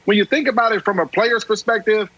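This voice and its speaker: A man on a sports debate show laying out his argument point by point in a steady, persuasive way, heard over a remote line. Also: high-pitched, fast talker, breathy edge, lo-fi sound.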